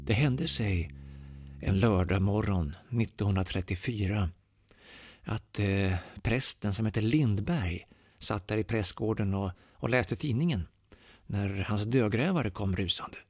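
A man from Sweden telling a ghost story aloud, dramatic with slow, suspenseful pauses. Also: lowish voice, breathy edge, no room sound, studio quality. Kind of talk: oral ghost story narration.

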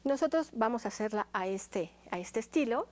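High-voiced woman teacher. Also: moderate pace. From Mexico. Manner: animated, coaxing audience call-and-response. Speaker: music teacher leading a children's program. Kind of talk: educational show for kids. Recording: music playing behind the voice.

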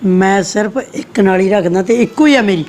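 A woman's voice: medium pitch, brisk, darkish tone, a little hiss or hum, natural voice. A woman playing an evasive, philandering male village headman in a comedy short film, talking his way out of trouble. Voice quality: placating, evasive.

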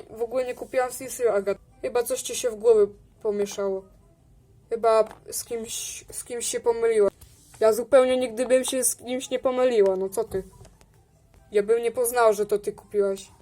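Woman voicing chatty schoolgirl characters. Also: warm tone. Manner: switches between chatty schoolgirl voices, often raising pitch and volume. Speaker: toy role-play creator. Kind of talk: improvised toy role-play voicing many characters.

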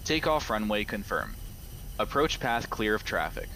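A low-voiced airline first officer in a flight game, barking crisp cockpit callouts with a bright, lively lilt. His clipped, businesslike checks come through over a faint hiss of background noise. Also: normal speed, exaggerated voice, low-quality recording. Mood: brisk. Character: male first officer calling out takeoff checks.

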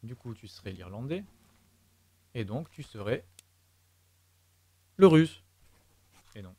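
French-accented male streamer, mid pitch, mumbles his reasoning aloud, dry close mic. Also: very animated, slow, dark tone, dry recording. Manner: thinking aloud, muttering to himself and chat. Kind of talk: live let's play commentary.

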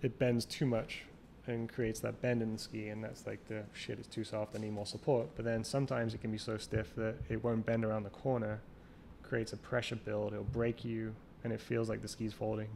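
A fairly low, slightly mellow male voice with vocal fry and little pitch movement moves at a moderate pace with few pauses. The speaker, a champion water skier, is a guest in a casual call interview, rambling, thinking aloud, and restarting often over faint noise.

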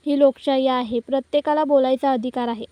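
Lady reading out a cool pushy lawyer guy, firm, high voice, dry sound. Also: fairly even intonation, a little fast, no echo, muffled recording, lightly acted. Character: confident male lawyer, calm and pushy.

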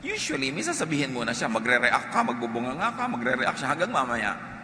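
A man delivers an emphatic sermon, his voice bright and forceful. He leans on key words and slips in humorous remarks to the congregation. The recording rings with long reverb from a large hall, and faint noise sits underneath. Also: mid-range voice, huge pitch swings, quick pace. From Philippines. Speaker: pastor.

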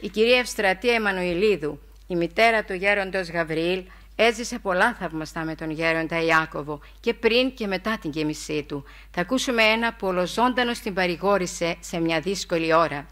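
Solemn low-voiced woman lecturing. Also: fairly bright tone. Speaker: lecturer at a church conference. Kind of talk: formal lecture reading testimonies.

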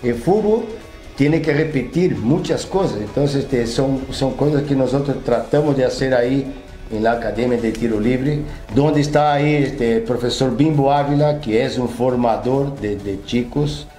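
A man in his sixties with a Brazilian accent speaks in a mellow, darker voice. He talks in a relaxed, unhurried way with frequent fillers. The studio sounds echoey, with faint music underneath. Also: mid-range voice. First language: Portuguese. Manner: relaxed, hesitant with many fillers. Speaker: football academy director. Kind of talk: casual interview answers. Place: television studio.

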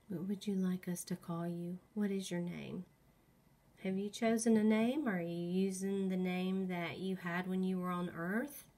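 A woman talking to a ghost in a coaxing, soothing way, asking gentle questions in a slightly husky voice that often drops toward a whisper. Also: on the low side, fairly even intonation, a little slow. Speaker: paranormal investigator running a spirit session.

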